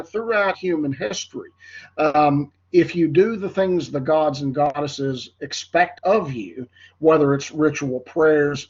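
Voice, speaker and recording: A man's voice: on the high side, darkish tone, husky, muffled recording. A man giving an informal history lecture, talking conversationally with many fillers and asides.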